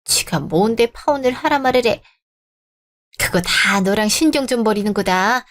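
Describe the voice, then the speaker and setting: A meddling middle-aged mother-in-law, voiced by a woman in a radio drama. She is haughty and indulgent toward her son, and she speaks a little high. The read is smooth and story-channel style. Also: lively intonation, normal speed, a bit bright. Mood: indignant.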